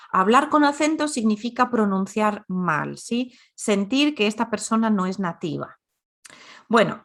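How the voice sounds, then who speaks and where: A woman's voice: mid-range voice, a bit bright. A woman teaching a grammar lesson, explaining patiently and repeating example sentences. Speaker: Spanish teacher.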